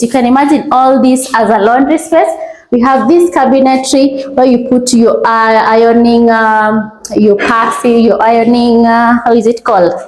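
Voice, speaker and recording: A woman with a Kenyan accent presents an informal house tour in a fairly high voice. She speaks approvingly as she shows off one feature after another, in the unscripted style of a property walkthrough. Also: a little mellow, low-quality recording. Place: indoors in an unfinished house.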